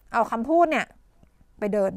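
A woman teacher explaining English idioms in a televised tutoring lesson, coughing now and then and dotting her talk with polite fillers and quick questions to the class. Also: mid-range voice, lively intonation, darkish tone, dry recording, clean studio sound. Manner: coughs and clears her throat often.

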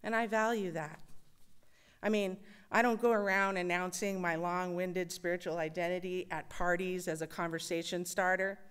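A woman serving as worship associate, giving a thoughtful, measured personal reflection with touches of wry humor in a church service. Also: fairly low pitch, fairly even intonation, a bit bright, clean tone. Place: church sanctuary.

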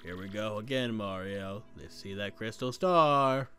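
A person casually commenting on a video game with a co-host, excitable, laughing often and swearing casually. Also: mid-range voice, a little slow, clear, resonant tone, faint music behind. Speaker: let's play co-host.

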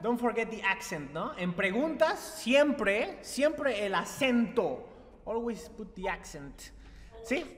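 A woman teaching a lively group Spanish lesson, switching between Spanish and English and repeating her questions to the students. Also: a little high, slow. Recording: echoey room with music behind.

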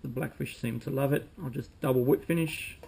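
A man, calmly demonstrating fly tying at a desk at home, talking while he works with frequent ums. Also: medium pitch, brisk, vocal fry, husky. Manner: relaxed, talks while working, frequent ums. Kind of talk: casual demonstration. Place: home room with bookshelves, indoors.

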